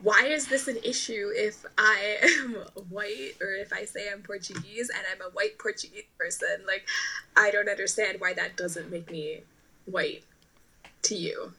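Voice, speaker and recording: A young woman speaks as a podcast guest in bright, lively casual chat. Her comes through as she talks animatedly, laughing easily and filling her speech with "like." Her pitch stays in the middle range for a woman. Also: measured pace, husky, poor audio. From Canada. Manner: animated, laughing, heavy use of "like".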